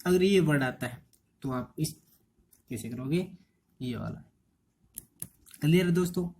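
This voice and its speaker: A man's voice: fairly high pitch, moderate pace, darkish tone. An Indian man teaching an English transcription lesson, quizzing students with repeated rhetorical questions. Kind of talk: exam-prep lecture.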